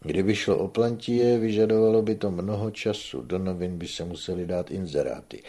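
A man's voice: low-pitched, mellow. A man doing a shrewd old peasant, commanding. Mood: persuasive. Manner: familiar, commanding, persuasive.

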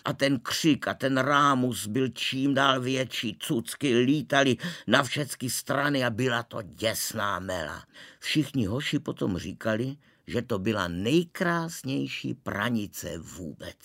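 A man narrating a storybook in a lively, expressive way. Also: medium pitch, creaky, dry recording, studio quality. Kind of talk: storybook reading.

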